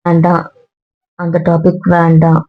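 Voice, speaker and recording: A woman's voice: lowish voice, completely flat delivery, a little slow. A woman in a couple's argument vlog, talking to her partner in a hurt, weary, lecturing way. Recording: dull lo-fi sound.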